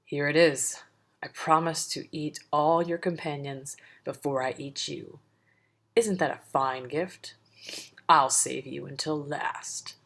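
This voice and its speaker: A huge one-eyed cyclops growls and bellows his threats, voiced by a woman reading a storybook. The voice sits low and heavy. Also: steady tone, takes it slowly, vocal fry, fairly bright tone, heavily acted. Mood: gloating.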